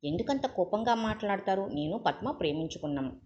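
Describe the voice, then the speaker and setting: A woman's voice: medium pitch, lively intonation, fairly quick, warm tone, slight background noise, natural voice. A woman voicing a timid, evasive young man who answers meekly, on a muffled recording. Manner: meek, mumbling.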